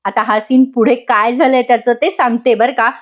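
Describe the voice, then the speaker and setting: Woman reviewer, chatty recap voice-over, higher pitch. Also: steady tone, moderate pace. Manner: chatty, addresses the audience. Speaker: episode reviewer.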